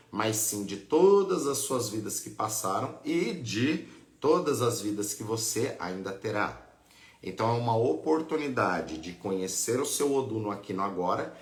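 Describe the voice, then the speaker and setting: A man's voice: fairly low pitch, fairly bright tone, reverberant. A man with a Brazilian accent, a priest and teacher explaining patiently as he answers questions on a live lesson. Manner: patient, explanatory, adds "né?" and "tá?" often.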